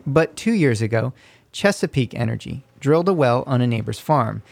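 A man narrating a scripted radio feature report in a measured, descriptive way. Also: mid-range voice, animated, creaky, darkish tone, no echo.

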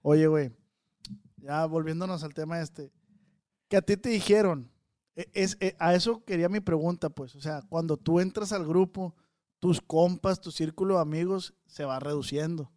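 A man hosting a podcast, asking questions in relaxed, slangy talk. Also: on the high side, moderate pace, no echo, clean studio sound. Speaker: podcast host. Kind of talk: casual chat.

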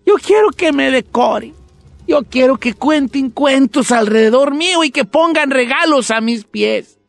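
A storyteller voicing a young Christmas tree that sobs and begs in a high voice. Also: a little slow, creaky, dry recording, faint music behind. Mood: sobbing. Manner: sobbing, high, begging voice.

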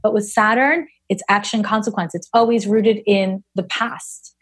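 A woman's voice: medium pitch, steady tone, normal speed, husky. A woman in her forties, an astrologer being interviewed, speaking frankly and bluntly with casual swearing. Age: 40s. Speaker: astrologer guest.

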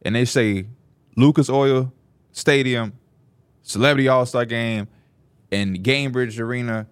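A man co-hosting a podcast, telling a story in casual slang and jumping into high voices to quote people. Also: fairly even intonation, measured pace, smooth, dry recording. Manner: slangy, laughs through his stories. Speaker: podcast co-host.

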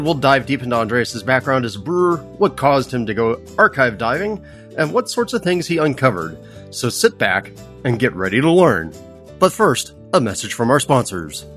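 A man with a lively, animated voice hosts a podcast, reading the intro and sponsor spots with upbeat energy. Faint music sits underneath his talk. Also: medium pitch. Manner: upbeat, quick asides with uh fillers. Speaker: podcast host. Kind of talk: casual podcast hosting and read ads.

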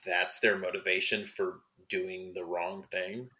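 Deep-voiced man, bright edge. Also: level tone, measured pace. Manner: laid-back, agreeable, short replies. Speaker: podcast co-host. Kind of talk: casual comic book chat.

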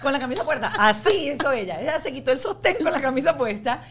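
Fast-talking jokey woman co-host. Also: high voice. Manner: lively, jokey storyteller. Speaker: podcast co-host. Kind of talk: casual interview chat.

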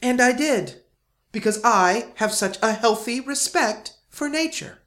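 An eerily cheerful radio host. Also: male voice, very high-pitched, lively intonation, unhurried, fairly bright tone, exaggerated voice. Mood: cheerfully eerie. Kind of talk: podcast audio drama.

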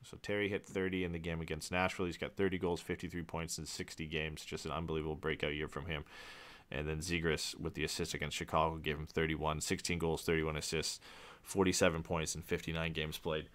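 A man's voice: rumbling low, level tone, brisk, fairly bright tone. A man co-hosting a sports podcast, casually chatting and rattling off player statistics. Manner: rattles off stats, loose and chatty. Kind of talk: casual chat.

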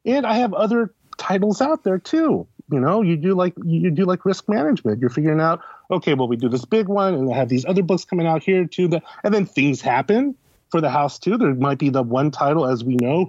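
A man with a fairly high, lively, slightly mellow voice and a breathy edge talks a little fast on a dry, slightly dull lo-fi podcast recording. He's an interview guest, a critic and editor, explaining things casually and conversationally. He often poses questions and then answers them himself.

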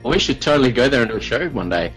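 A man's voice: mid-range voice, animated, very fast, fairly bright tone, faint music behind, poor audio. A man co-hosting a gaming podcast, reading the news in a loose, jokey way and stumbling over the wording. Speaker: podcast co-host. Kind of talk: casual gaming podcast chat.

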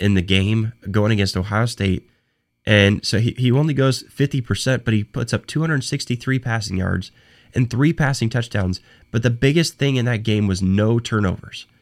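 This solo sports podcast is hosted by a young man of medium pitch who is losing his voice to a cold and sounds hoarse. He talks in stuttering bursts, often going back to restart and repeating himself.

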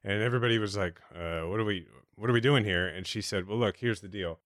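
Speaking fast in a fairly low voice, a man co-hosts a casual podcast chat with plenty of enthusiasm. He rambles, cuts himself off and leans on fillers. The studio sound is clean, slightly bright and free of echo.

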